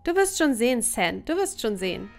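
A woman's voice: fairly high pitch, big pitch swings, fairly quick, soft background music. A woman voicing an eager, insistent young woman who hunts ghosts, read aloud during a game playthrough.

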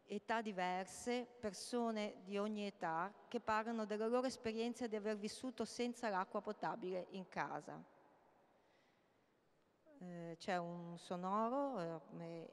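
Brief: middle-aged woman artist, hesitant public talk, smooth clear voice, reverberant hall. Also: mid-range voice. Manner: halting, with many hesitations. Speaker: artist presenting her projects. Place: large hall, indoors. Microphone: handheld mic. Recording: long reverb of a large hall.

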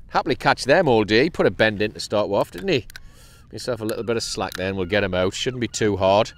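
A man, chatting casually on a fishing vlog from a kayak at sea, upbeat and cheery. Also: medium pitch. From North East England. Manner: chatty and upbeat, with excited bursts when a fish is hooked. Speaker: kayak angler. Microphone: action camera mounted on the kayak.

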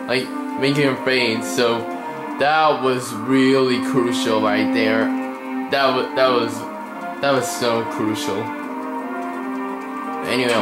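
Young male let's player, slightly high voice, unhurried delivery, prone to yelling at the game. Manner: excitable, yells at the game when frustrated. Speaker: gameplay commentator. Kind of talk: let's play commentary. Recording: echoey room with game music behind. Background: game music.

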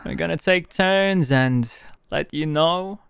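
A young man voicing a gentle, teasing male hero who speaks softly with little laughs in a fan audio roleplay. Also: on the high side, slow, creaky, clean tone, no room sound, clean studio sound, full character voice. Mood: playful.

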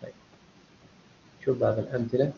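Talking fast in a steady, medium-pitched voice that is gravelly yet mellow, a man gives a live online university English lecture. He goes step by step, checks frequently that students are following, and blends Arabic explanation with English examples; the dull lo-fi audio has a little hiss or hum.

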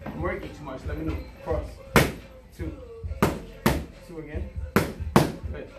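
A man's voice: a little high, fairly even intonation, a little slow, heavy background noise. A man in his thirties coaching boxing, calling short, repetitive, encouraging drill commands while taking punches on pads. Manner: clipped, repetitive, encouraging commands amid physical exertion. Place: large indoor boxing gym. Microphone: far camera. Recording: roomy gym, distant mic, loud music behind. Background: loud music, thuds of punches on mitts.

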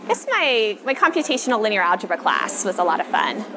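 Speaking fast in a sing-song, mid-range voice, a woman in her thirties from Texas answers a casual rapid-fire interview briefly but thoughtfully. She's an American machine learning researcher, interviewed on an outdoor covered city walkway. The audio is poor, with city ambience and a crowd behind her.

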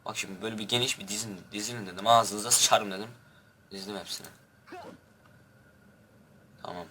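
A man's voice: fairly low pitch, fairly even intonation, a little fast, pushed and bright, a little hiss or hum. A young man giving rowdy, crude commentary over his own gameplay and barking orders at his troops. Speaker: gaming youtuber.

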